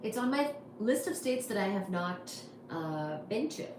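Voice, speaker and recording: A woman's voice: mid-range voice, sing-song, measured pace. A woman from India hosting a casual livestream, answering chat comments with wry asides. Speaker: livestream host. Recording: echoey room with faint noise.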